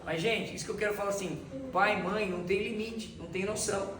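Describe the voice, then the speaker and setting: A man's voice: sits high, steady tone, quick pace, heavy background noise. A middle-aged man, a pastor giving a casual, joking church talk full of personal anecdotes and speaking directly to the audience. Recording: roomy hall, far mic, audience audible.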